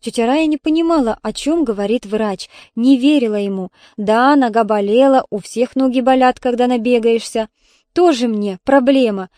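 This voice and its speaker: A woman narrating an audiobook in a measured, somber way. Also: fairly high pitch, dark tone, no room sound. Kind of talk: scripted narration.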